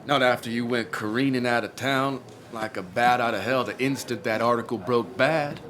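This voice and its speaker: A man's voice: mid-range voice, moderate pace, fairly bright tone. A man voicing a sarcastic, needling IT worker in a video game.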